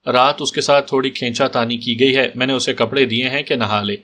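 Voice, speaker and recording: A man's voice: mid-range voice, steady tone, pushed and bright, lightly acted. A man voicing a young village woman who talks in a careless, offhand way.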